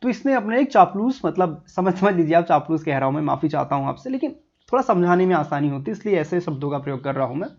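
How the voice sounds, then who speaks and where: A man's voice: a little high, sing-song, fast, darkish tone, muffled recording. A man teaching a history lesson over a map, in a casual, chatty way, talking straight to the viewer.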